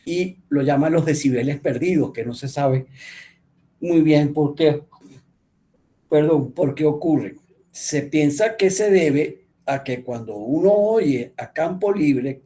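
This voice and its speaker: Halting male lecturer, mellow voice. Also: a little high. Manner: explanatory, often checks in with "¿ok?"; halting, with frequent restarts and fillers. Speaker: instructor. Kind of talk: online class lecture.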